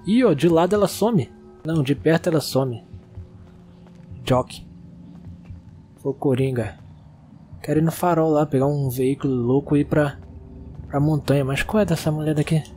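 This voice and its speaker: A young man with a Brazilian Portuguese accent, excitedly narrating a video game and talking to its characters. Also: fairly high pitch, moderate pace, pauses often, faint music behind. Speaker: gaming YouTuber. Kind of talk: let's-play commentary.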